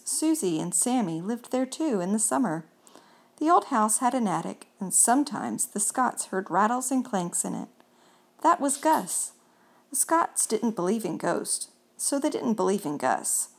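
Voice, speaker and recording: A woman reads a children's picture book aloud in a calm, clear way. She takes her time over each sentence, with a voice that sits in an ordinary middle range, and keeps the storytelling steady and gentle. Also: medium pitch. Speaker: reader.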